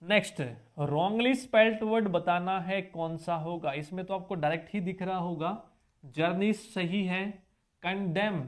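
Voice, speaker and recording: A man teaching a spelling lesson for exam preparation. He breaks words apart letter by letter and keeps checking in with his students through short questions. He repeats the tricky points and coughs now and then. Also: high voice. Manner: coaxing students with quick check-back questions.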